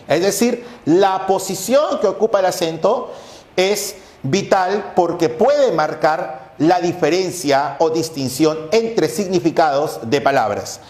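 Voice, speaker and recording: A male teacher giving an exam-prep lecture on grammar, methodical and recapping with rhetorical questions, possibly from Peru. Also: sits high. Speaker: language teacher. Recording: echoey room.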